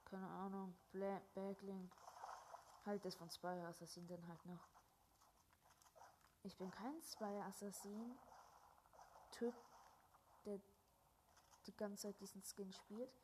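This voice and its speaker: A young gamer giving casual gameplay commentary into a headset, often dropping to a whisper and bursting into loud exclamations. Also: mid-range voice, fairly even intonation, takes it slowly, long pauses, noisy background. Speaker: gaming video creator.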